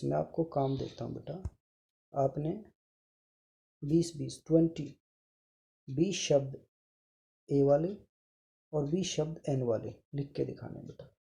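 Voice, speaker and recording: A man teaching an online grammar lesson to children, patiently repeating each sound and gently addressing his pupils. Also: on the high side, creaky.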